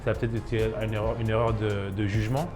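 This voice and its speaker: This Ivorian chef and restaurant owner in his thirties talks fast in a fairly low, flat voice, with music playing behind him. He is being interviewed for a documentary and often hesitates and starts over.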